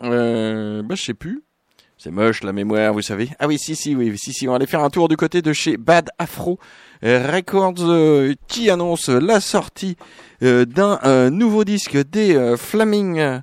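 A man's voice: on the high side, lively intonation, normal speed, no echo. A man hosting a radio show in a studio, chatting casually and joking, with many hesitant fillers. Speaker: radio host.

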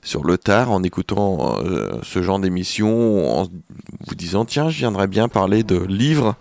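A man with a low voice hosts a radio show, talking casually into a studio microphone. He hesitates often, filling gaps and restarting his sentences. The recording is dry and close. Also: very animated, a little slow, gravelly, a little mellow, dry recording. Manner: hesitant, many fillers and restarts. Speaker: radio host.

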